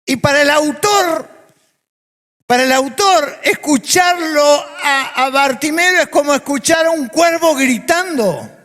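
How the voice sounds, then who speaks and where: A man's voice: very high-pitched, animated, unhurried, pushed and bright, long reverb tail. A man with an Argentine accent, preaching a sermon as a pastor, emphatic and full of repeated phrases. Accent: Argentine Spanish. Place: church.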